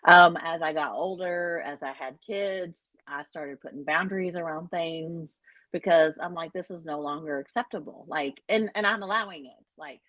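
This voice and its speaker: A middle-aged woman health coach and author, chatting in an interview in an animated, self-deprecating way with many fillers. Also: on the low side, dry recording. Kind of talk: casual interview chat.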